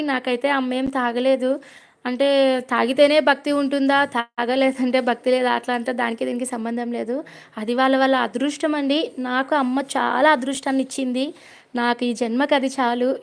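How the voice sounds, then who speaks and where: A young woman hosting a devotional livestream from home on her phone, chatting casually, telling stories and reading viewer comments aloud. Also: high-pitched. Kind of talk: casual live chat with viewers. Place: home prayer room.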